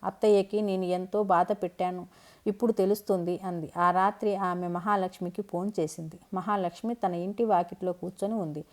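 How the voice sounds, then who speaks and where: A woman reading a scripted family story aloud in a calm, even way. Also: lowish voice, brisk.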